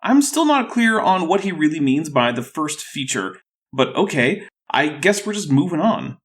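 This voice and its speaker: A man's voice: a little high, big pitch swings, normal speed. A man with a thick, sore-throated voice hosting a scripted rebuttal video in a dry, skeptical way. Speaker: YouTube host.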